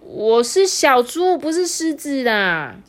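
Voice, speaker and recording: A woman's voice: fairly high pitch, lively intonation, a little slow, pitched above the performer's own voice. A woman voicing a shy little lion cub boy in a storybook, hesitant and stammering. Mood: earnest.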